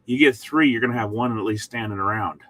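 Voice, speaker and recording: A man teaching the Bible in a short devotional, speaking in a folksy, emphatic manner with pauses between short phrases. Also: lowish voice, a bit bright.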